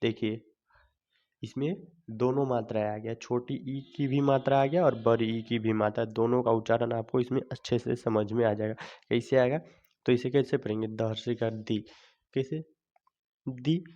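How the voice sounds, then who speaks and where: A man's voice: medium pitch, warm tone, muffled recording. A man teaching a children's lesson on vowel signs, patiently spelling out each letter and repeating the words.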